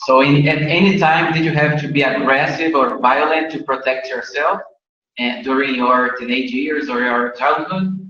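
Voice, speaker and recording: Bright male voice, distant and echoey. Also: medium pitch, steady tone, moderate pace. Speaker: interpreter for a student. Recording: echoey, distant, lo-fi room audio.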